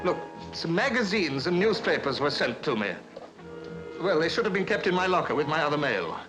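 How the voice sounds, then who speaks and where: A worried dad in a 50s movie, high swooping voice, urgent and halting, music behind. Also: male voice, big pitch swings, low-quality recording. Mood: anxious urgency. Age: middle-aged. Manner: halting, insistent, pleading. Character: anxious, urgent, pleading middle-aged father. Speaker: actor. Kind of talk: 1950s film drama acting. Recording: old film soundtrack, music underneath.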